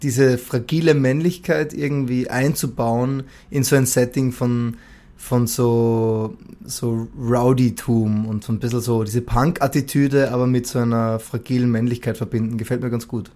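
A man's voice: medium pitch, fairly even intonation, normal speed, dark tone. Man musing aloud in casual chat. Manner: thinking aloud, many restarts. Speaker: musician guest. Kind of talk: casual conversation.

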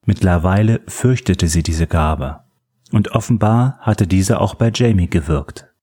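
A man reading a thriller audiobook in a steady, suspenseful narration. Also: sits low, measured pace, slightly rough. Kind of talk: scripted narration.

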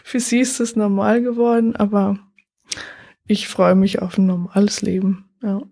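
A woman guest talking slowly in a light way and saying goodbye, sounding a little far from the mic. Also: medium pitch, level tone, gravelly, warm tone. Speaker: interview guest.

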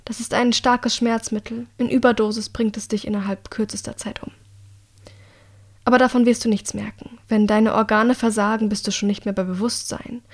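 Picture a composed young woman who threatens without ever raising her voice, as a female narrator voices her. Her words stay quiet, measured and icily polite, as in a dark audiobook. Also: on the high side, flat delivery. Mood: quietly menacing. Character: calm, coldly menacing young woman assassin.

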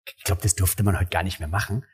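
Male stand-up, husky, animated storyteller in a chat. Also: fast talker. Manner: animated, acts out dialogue with jumps in pitch. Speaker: stand-up comedian. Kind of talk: casual interview storytelling.

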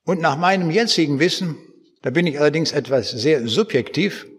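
A man born in East Prussia, preaching a sermon with emphatic, lively delivery and rhetorical questions to his listeners. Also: on the high side, normal speed, slightly rough, big-room sound.

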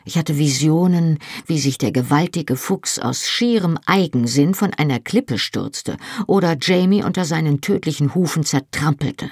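A woman narrating an audiobook in first person, calm and intimate. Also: low-pitched, normal speed, hardly any pauses, husky, no room sound, clean studio sound. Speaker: audiobook reader.

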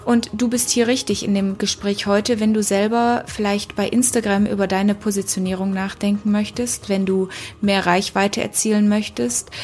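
A woman hosting a podcast interview, effusive and gushing with compliments for her guest. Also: medium pitch. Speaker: podcast host.

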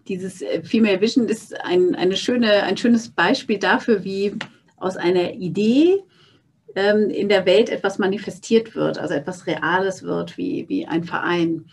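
A woman's voice: mid-range voice, a little slow, creaky, slightly rough. A woman being interviewed as a founder, speaking thoughtfully and often repeating words as she searches for them. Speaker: guest, founder. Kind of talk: conversational interview. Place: office space.

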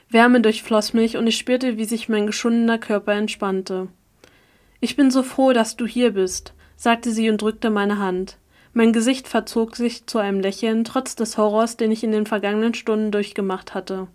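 A woman reading a first-person story aloud as an audiobook narrator, with an even, steady delivery. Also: medium pitch, normal speed. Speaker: audiobook reader.

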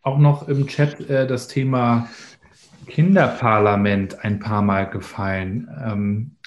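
A man's voice: on the low side, level tone, slow, dull audio, slight background noise. A man moderating an online panel over a video call, upbeat and handing out turns.

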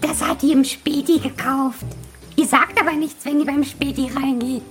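A woman voicing a cheeky little male dwarf with a high, squeaky voice and blunt, deadpan answers. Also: moderate pace, soft background music, lightly acted. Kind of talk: comedy podcast sketch.

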